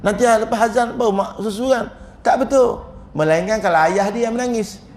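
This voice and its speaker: A man's voice: high-pitched, a little fast, a little mellow. A man with a Malaysian Malay accent giving a humorous religious lecture as a religious teacher, joking and chuckling often as he tells his stories.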